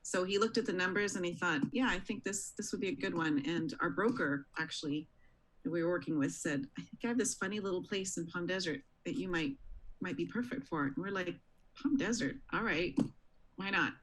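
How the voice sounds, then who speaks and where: A woman with a lowish, brisk voice and a fairly bright tone, captured in a rough recording. Born in Tanzania and raised in Canada, she owns a restaurant and tells her story in a friendly, casual interview.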